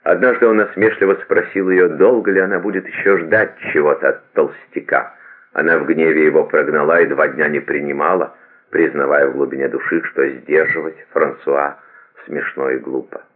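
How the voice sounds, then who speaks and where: A man narrating a novel as an audiobook, reading in a steady, even way. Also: rumbling low, moderate pace. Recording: tinny phone-like lo-fi audio.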